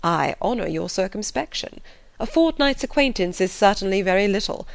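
A wry middle-aged gentleman father from a classic storybook, as a woman reader plays him. He teases with formal, measured phrasing and stays composed and sardonic. The sound is dry and close. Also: medium pitch, lively intonation, gravelly, no room sound. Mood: teasing. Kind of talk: audiobook character voice.

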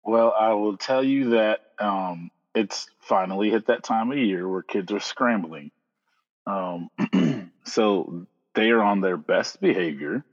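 A man, a school counselor, explaining slowly and measuredly in casual chat with many pauses. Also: lowish voice, big-room sound, dull audio. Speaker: school counselor, podcast guest.

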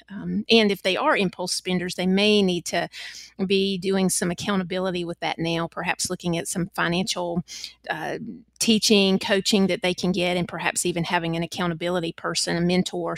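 A woman's voice: lowish voice, little pitch movement, normal speed, no room sound. Earnest woman, dry close sound. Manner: earnest, faith-centered, warmly emphatic. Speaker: guest. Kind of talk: casual chat.

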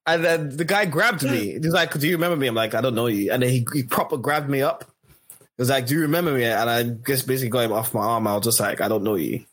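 Husky young man. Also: mid-range voice, fast, fairly bright tone. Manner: laughs through his own storytelling. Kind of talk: casual chat among friends.

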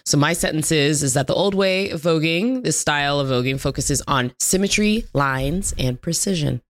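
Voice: medium pitch, moderate pace, no room sound. A podcast co-host chatting casually and reading a guest introduction with upbeat flair.

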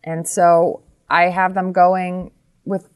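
A woman co-hosting a sports podcast, laying out her reasoning in a measured, step-by-step way. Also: fairly low pitch, level tone, a little mellow, clean tone. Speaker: podcast co-host. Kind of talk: casual sports podcast chat.

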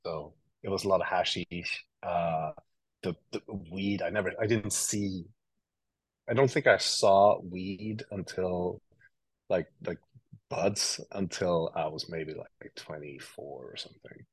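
A man from Sweden in his thirties, a guest telling stories in a relaxed, rambling way with lots of fillers. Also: low-pitched, slow, husky, no room sound, rough recording. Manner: relaxed storytelling with many fillers and restarts. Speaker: guest, creative officer. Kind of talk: casual interview talk.

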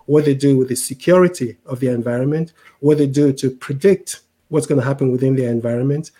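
A man's voice: medium pitch, a little fast, dark tone, slightly rough. A middle-aged man from Cameroon with a mixed international accent, explaining things in a conversational interview with frequent repeated words and "right?" tags. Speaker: interview guest, tech executive.

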